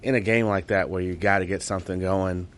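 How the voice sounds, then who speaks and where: A male reporter asking a follow-up at a press conference, halting and rephrasing as he goes. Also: low-pitched, steady tone.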